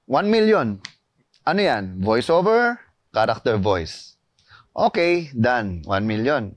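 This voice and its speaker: A man with a Filipino accent, an animated and emphatic voice actor guest chatting in an interview. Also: mid-range voice, slow, no echo. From Philippines. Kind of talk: casual interview chat, Tagalog-English mix.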